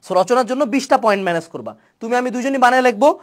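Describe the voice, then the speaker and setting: Young tutor, rapid-fire delivery, playful, rhetorical questions, English words mixed in. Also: medium pitch, animated. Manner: mixes English words into Bengali. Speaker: online tutor. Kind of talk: webinar lecture.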